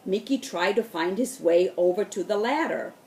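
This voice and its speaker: A woman reading a children's storybook aloud in a slow, expressive way. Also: mid-range voice, reverberant. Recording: voice distant from the mic.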